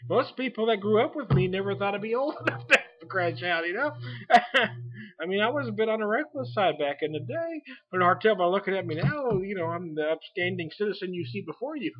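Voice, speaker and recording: A man's voice: high-pitched, big pitch swings, normal speed, breathy edge. A man in his forties chatting casually as a beer vlogger, rambling and folksy, laughing often between thoughts. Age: 40s. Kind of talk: casual chat. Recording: lo-fi home recording.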